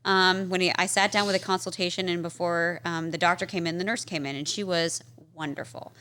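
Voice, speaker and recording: Chatty woman with a bright, forceful voice. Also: fairly low pitch, a little fast. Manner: chatty, peppered with "like" and "um"; animated, acts out quoted people. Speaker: podcast guest. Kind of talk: casual storytelling interview. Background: interviewer's short backchannels.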